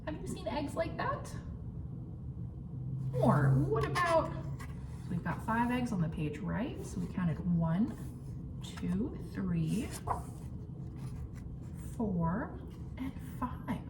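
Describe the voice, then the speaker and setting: Slowly counting aloud and asking the children questions, a woman with a high voice leads a lively storytime, drawing out suspense with audible gasps and keeping her phrasing simple for young listeners. It's an interactive picture-book reading, recorded from a distance in an echoey room where background noise is clearly audible.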